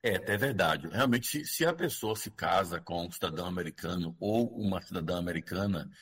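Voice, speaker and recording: Speaking as a guest expert in an interview, a man with a Brazilian Portuguese accent explains things and often checks for agreement conversationally. His deep, husky voice is animated, fairly quick and a bit bright.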